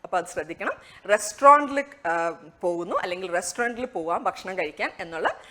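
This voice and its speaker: Brief: woman, pronunciation teacher, animated pitch, chatty and patient. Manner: conversational, asks rhetorical questions, slows on target words. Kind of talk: explanatory lesson.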